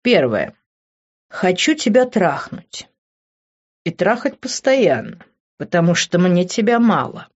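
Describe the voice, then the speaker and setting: A woman's voice: fairly low pitch, very animated, slow pace, pauses often, lo-fi sound, exaggerated voice. A woman voicing a blunt, irritable young man in an audiobook, reading his swearing, short lines. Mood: teasing. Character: curt, hot-tempered young man.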